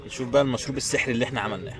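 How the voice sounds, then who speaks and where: Speaking very fast at a medium pitch, a man with an Egyptian Arabic accent chats casually and directly to viewers as a travel vlogger walking through a busy tourist village. Crowd chatter and street sounds fill the outdoor recording.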